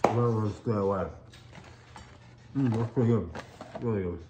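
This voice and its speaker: A man's voice: on the low side, moderate pace, heavy background noise. A middle-aged American man, a dad co-hosting a casual cookie review, chatting upbeat while he eats. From United States. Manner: chatty, upbeat, chewing and tasting between lines. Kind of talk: casual chat. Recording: echoey room, dull lo-fi sound.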